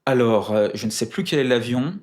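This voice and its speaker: A man's voice: mid-range voice, a little fast, darkish tone. A man being interviewed in casual chat, speaking in a careful, formal way with many hesitations, precise with numbers and dates. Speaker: guest.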